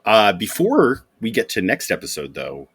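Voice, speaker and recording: Deep husky joking podcast man. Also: huge pitch swings, moderate pace, a bit bright. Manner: joking, laughs often. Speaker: podcast co-host. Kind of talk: casual comic-book chat.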